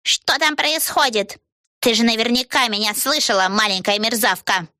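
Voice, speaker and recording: A woman's voice: fairly high pitch, moderate pace, sharp tone, no room sound, clean studio sound, voice pushed up. A woman voicing a harsh, mean old woman who scolds and bellows, in an audiobook. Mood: scolding. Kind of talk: audiobook voice acting.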